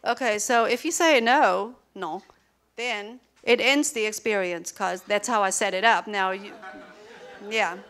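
In a large lecture hall, a woman with German as her first language runs a conversational conference workshop for teachers, laughing between points and firing quick questions at the audience. Her voice is medium-pitched and fairly bright.

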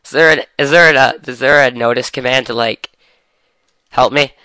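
Young man, has a cold, gaming commentary, excitable, bright tone, dry close sound. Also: mid-range voice, moderate pace, clear, resonant tone, no room sound. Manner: excitable, chatty. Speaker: gamer. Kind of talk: casual game commentary.

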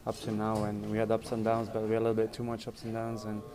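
A soccer team captain in his thirties fields reporters' questions after a match, his low-leaning voice halting and even, often repeating words. Handheld mics and phones are held close to him in an indoor press area with a sponsor backdrop. The crowded space is noisy with chatter.

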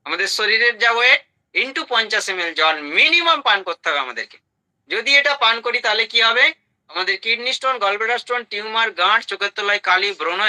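Speaking to an audience about health, a man fires off lists in short, emphatic bursts, his high voice very bright and piercing. Rhetorical questions keep coming throughout, and the audio quality is poor.

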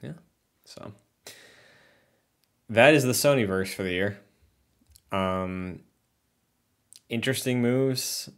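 Low-voiced man chatting wryly. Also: takes it slowly, long pauses, fairly bright tone, smooth. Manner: chatty and wry, often laughing. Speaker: podcast co-host. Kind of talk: casual chat.

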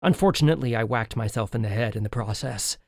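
A man's voice: mid-range voice, fast talker, creaky, a little mellow, dry recording, clean studio sound. A man reading a children's novel aloud as an audiobook in the first person, telling the story expressively. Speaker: audiobook narrator.

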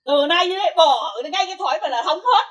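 A woman's voice: very high voice, lively intonation, fairly bright tone. A woman playing an indignant woman who scolds others for gossip in a comedy sketch. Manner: fast, scolding, lecturing. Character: indignant woman, angry at being rumored dead. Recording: roomy echo, distant mic.

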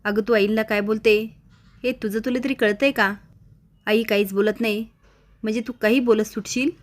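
A woman's voice: fairly high pitch, steady tone, normal speed, lightly acted. Forthright young woman who speaks her mind, read by a woman. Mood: indignant. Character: outspoken young woman rebuking elders.

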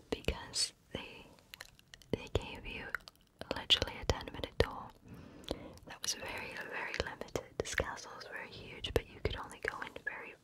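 Woman whispering close-up ASMR. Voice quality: soft unvoiced whisper. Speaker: ASMR creator. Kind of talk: close-up ear-to-ear ASMR whisper, casual travel chat. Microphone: close ASMR microphone.

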